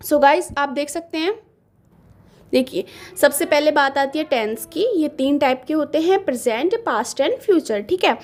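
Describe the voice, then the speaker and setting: A woman teaching a grammar class, patiently repeating key words slowly while she writes them out. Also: high voice, expressive. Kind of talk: classroom lesson explaining grammar.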